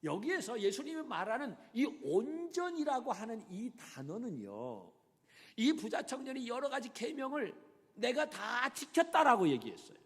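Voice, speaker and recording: A male pastor preaching a sermon dramatically, swinging between loud emphasis and whispers. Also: very high voice, sing-song, moderate pace, big-room sound.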